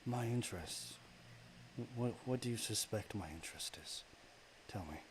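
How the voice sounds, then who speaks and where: A menacing goddess of darkness and death, as a man puts her on, taunting in a low, slow voice that sinks into a whisper. Steady background noise sits clearly under the voice. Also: natural voice.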